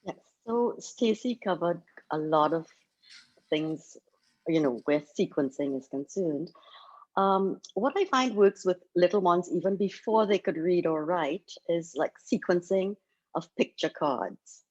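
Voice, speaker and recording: A Trinidadian woman with a very low voice walks through teaching methods patiently and step by step. Her video-call audio sounds dull and muffled. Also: animated, a little slow, a little mellow. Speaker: panelist teacher.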